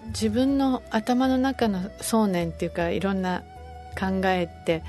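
Woman guest, mid-pitch voice, calm and reflective, soft music behind. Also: unhurried. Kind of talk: casual conversation.

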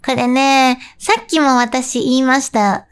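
A young woman with a high, bright-sounding voice hosts a casual radio segment. She talks in a bubbly, playful, chatty way. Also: steady tone, slow pace, clean tone. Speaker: radio host and live streamer. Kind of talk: casual radio chat with quiz.

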